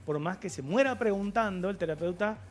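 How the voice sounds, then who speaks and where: High-voiced man explaining calmly. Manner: measured and explanatory, many filler pauses. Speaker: guest sexologist. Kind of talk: TV studio interview. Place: TV studio.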